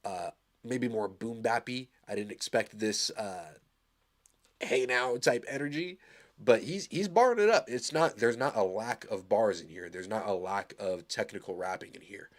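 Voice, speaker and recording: A man with a somewhat low voice talks in a loose, rambling way, full of fillers and quick restarts. He sounds upbeat and casual, like a host reacting live to a track. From Arizona.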